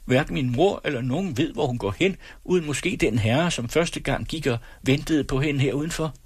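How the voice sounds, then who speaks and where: A man's voice: on the high side, slightly rough, no echo, pitched above the performer's own voice. A man voicing a frightened, tearful young servant girl. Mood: pleading. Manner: tearful, pleading.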